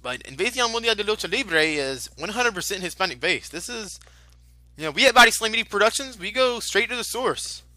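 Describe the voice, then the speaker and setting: A man giving ad-libbed lucha libre match commentary in the manner of an excitable wrestling announcer. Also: sits high, brisk, no room sound, rough recording. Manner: excitable announcer, exclaiming at moves.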